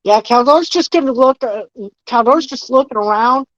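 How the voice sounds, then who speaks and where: A woman's voice: fairly high pitch, moderate pace, dry recording. A woman playing a character in a tabletop role-playing game, talking casually and swearing freely. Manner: casual, profane, describing her character's actions. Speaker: player. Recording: dry, dull lo-fi mic.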